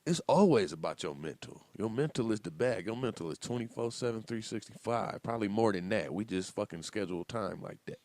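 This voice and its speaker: A man's voice: lowish voice, animated, fairly quick, few pauses, a little mellow, no echo. A man co-hosting a casual podcast chat, teasing and telling stories, often repeating his phrases. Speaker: podcast co-host.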